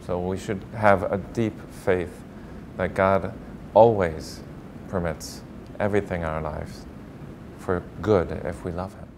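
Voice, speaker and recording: Man, priest, very low voice, gentle, measured, clear rumble in background. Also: steady tone. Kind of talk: conversational faith discussion.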